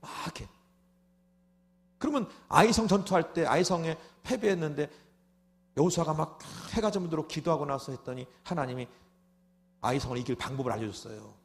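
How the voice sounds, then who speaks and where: High-voiced Korean pastor preaching fervently. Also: male voice, fast. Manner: animated, rhetorical asides, acts out prayers; crescendos into loud shouted prayer. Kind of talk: sermon at a revival meeting.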